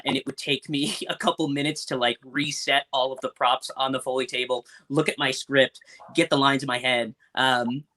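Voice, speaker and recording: Speaking from home on a clicky video call with faint background noise, a young stage actor who also does Foley work fields interview questions casually. He has a mid-range voice with a bright, forceful tone.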